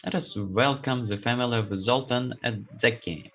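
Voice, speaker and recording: Effusive event host, mid-pitched voice. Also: moderate pace, a bit bright. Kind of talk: live event presenting.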